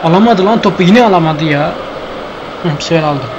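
A young man talks through a football video game live, frustrated and grumbling at every missed chance. His voice sits high, and a steady noise hums underneath the recording. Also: brisk, dull audio. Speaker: gameplay streamer. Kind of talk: live gameplay commentary.

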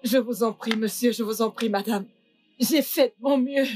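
A woman's voice: on the high side, normal speed, darkish tone, soft background music, lightly acted. An actress dubbing a distressed woman who pleads her innocence and prays tearfully. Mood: pleading. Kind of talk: dubbed film drama.

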